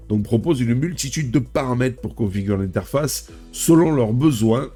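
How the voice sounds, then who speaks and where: He has a head cold and sounds stuffy as he presents a tech video, going through a news script before adding his own chatty comments. The voice sits mid-range, mellow and slightly rough.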